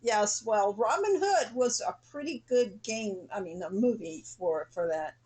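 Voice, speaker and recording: Very husky woman chatting over a game. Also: medium pitch, expressive, measured pace, darkish tone. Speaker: game designer and co-commentator. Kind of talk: casual chat, commentary.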